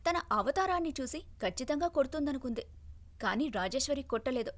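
A woman narrates a family tale in an expressive storybook manner, her voice pitched a little high. The telling is scripted and steady. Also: a little fast.

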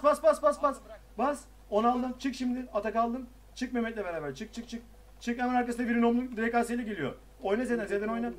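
A young man with a very high voice calls the shots for his party, hammering the same short orders again and again. He swears freely and keeps cracking up with laughter between commands, talking into a headset. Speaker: raid commander in an online game. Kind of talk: shouting commands over game voice chat.

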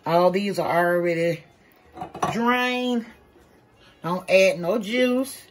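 Speaking very slowly in a lowish voice, a woman vlogger cooks at home and chats with viewers she calls y'all. It's a relaxed cook-with-me video shot by someone else holding the camera, and faint hiss or hum can be heard.

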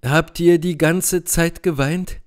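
A man's voice: on the high side, steady tone, takes it slowly, voice pushed up. A man voicing Benedikt, earnest young nobleman. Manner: earnest, vowing declarations. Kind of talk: audiobook character reading.

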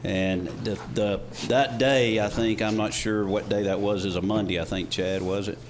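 A man's voice: on the low side, steady tone, normal speed. A middle-aged man with a Southern US accent giving an informal, folksy thank-you speech at a podium microphone, with slightly off R sounds. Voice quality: trouble pronouncing R's. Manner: folksy, conversational. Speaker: mayor. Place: indoor council chamber. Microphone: podium gooseneck microphone. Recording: clear background noise, room ambience.

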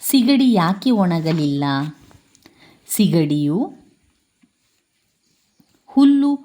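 Slow, low-voiced woman reading a lesson. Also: expressive, warm tone. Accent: Kannada. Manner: slow, careful reading with repeated phrases. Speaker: teacher. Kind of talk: reading a lesson story aloud and explaining it.

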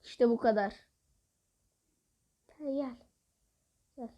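A woman giving live gameplay commentary, excitable, bursting into exasperated outbursts and taunting opponents while talking to her viewers. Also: a little high, drawn-out words, muffled recording. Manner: addresses viewers directly. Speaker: mobile game player.

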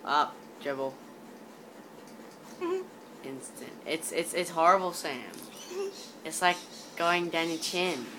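A woman's voice: on the low side, huge pitch swings, slow pace, long pauses, a bit bright. A woman talking while eating ice cream, her lip numb and sore after stitches, mumbling and laughing through the pain in casual chat. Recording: hissy home video.

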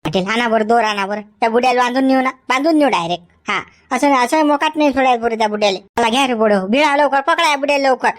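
A woman's voice: fairly high pitch, quick pace, hardly any pauses, lightly acted. A woman voicing a bossy male village elder who gives orders.

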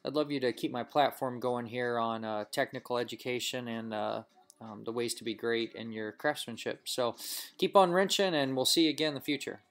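An American mechanic in his forties gives a casual hands-on tutorial in his home garage workshop, explaining things conversationally and regularly checking in with questions. His voice is medium in pitch and his pace is brisk.

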